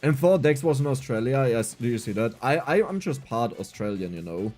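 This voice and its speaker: A man's voice: medium pitch, expressive, fairly quick, darkish tone, faint music behind. A young adult man with a German accent, streaming a game, reading chat aloud and answering it with self-mocking humor. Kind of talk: casual livestream gameplay chat.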